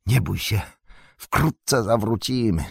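A man voicing a loyal, eager young male hobbit servant who calls out loudly and urgently. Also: on the low side, takes it slowly, creaky, husky, dry recording, clean studio sound, voice pushed up, full character voice.

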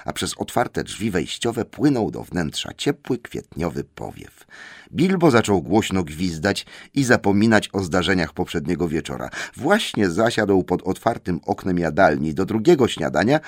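Deep-voiced man narrating an audiobook. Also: sing-song, no room sound, studio quality. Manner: measured storytelling.

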